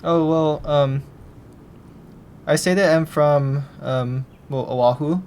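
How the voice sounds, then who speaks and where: This is a young man in his twenties from Hawaii, a film student being interviewed. He talks in a flat, even tone and answers hesitantly, often stopping and restarting his sentences. A faint rumble sits behind his voice. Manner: halting and hesitant, full of restarts.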